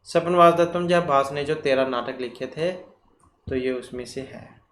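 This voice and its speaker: A man teaching Sanskrit grammar for exam preparation. He works through quiz questions slowly and deliberately, asks himself questions and repeats the key terms. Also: mid-range voice, fairly bright tone. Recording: echoey room, faint ambient noise.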